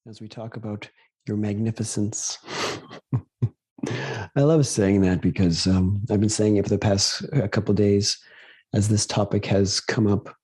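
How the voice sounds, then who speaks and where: A man's voice: on the low side, steady tone, measured pace, long pauses, darkish tone, slightly rough, no echo. A man guiding a meditation series, talking casually and rambling with many fillers and restarts. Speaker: meditation guide. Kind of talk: casual spoken reflection.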